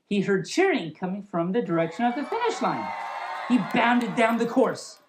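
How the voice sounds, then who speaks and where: A high-voiced woman who hosts a storytime series reads a storybook in an animated way. She's playful, silly, and expressive, tossing in ad-libbed asides as she goes.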